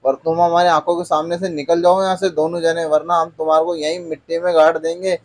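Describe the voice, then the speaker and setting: A man retelling a soap plot, reading a vengeful young male villain's threats in a flat voice. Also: fairly high pitch, fairly quick, natural voice. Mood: threatening. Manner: threatening, flatly read.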